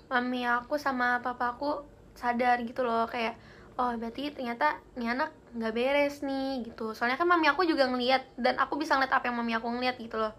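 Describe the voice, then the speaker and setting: Hosting a live stream, a young woman with a high-pitched, sharp-toned voice chats casually and giggles her way through spooky stories. She's chatty and reads viewers' comments aloud.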